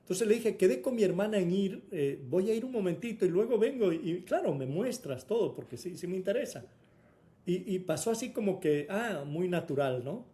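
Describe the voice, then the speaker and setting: A man's voice: sits high, animated, a little fast, dark tone. A man sharing a personal faith testimony in an earnest way, with hesitations and restarts, acting out remembered dialogue.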